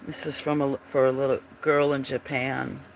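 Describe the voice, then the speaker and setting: With a mid-range, level voice that is froggy and gravelly, a man hosts a livestream and casually discusses his drawings at a moderate pace. He meanders, trailing off while hunting for pieces, and a faint hiss or hum sits in the audio.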